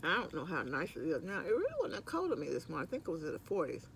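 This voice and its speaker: Brief: high-pitched, gravelly man, middle-aged, casual eating-show chat with food in his mouth, some background noise. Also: wildly swooping pitch, rapid-fire, fairly bright tone. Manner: chatting while eating, sometimes with mouth full; rambling, conversational. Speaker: mukbang vlogger. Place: at work on lunch break.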